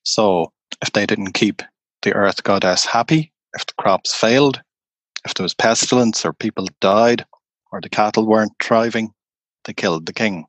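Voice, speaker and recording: A man, a tour guide, telling stories slowly and unhurriedly in an interview. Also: on the low side, fairly bright tone, no echo. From Ireland. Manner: slow, unhurried anecdotal telling. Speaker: tour guide and storyteller guest. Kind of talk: conversational storytelling interview.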